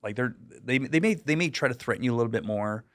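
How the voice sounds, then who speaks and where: A fast-talking American man of medium pitch, middle-aged, works as a deputy and digital safety educator. Being interviewed, he tells stories casually and animatedly, heavy on fillers, impersonating the people he quotes.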